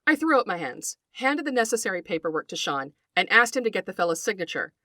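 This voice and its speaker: A middle-aged woman, who is a writer, folklorist and podcast host, reads scripted narration straight to her listeners with articulate, deliberate storytelling. Her mid-range voice is very animated with a sharp tone. The recording is dry, with clean studio sound.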